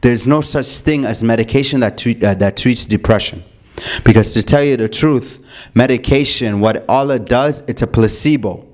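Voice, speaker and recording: A man's voice: medium pitch, moderate pace, darkish tone. Young man, religious lecture to youth, rhetorical questions, restarts phrases, community hall.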